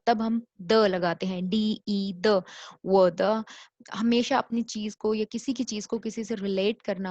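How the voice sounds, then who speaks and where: A woman teaching a recorded language lecture, repeating each word slowly so learners can copy it and mixing English into her explanations. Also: mid-range voice, a little mellow, no echo. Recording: dull lo-fi recording.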